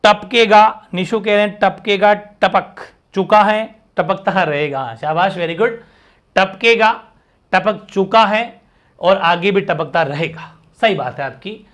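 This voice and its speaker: A male teacher giving a live online grammar class, energetic and constantly checking in with his students. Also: high-pitched.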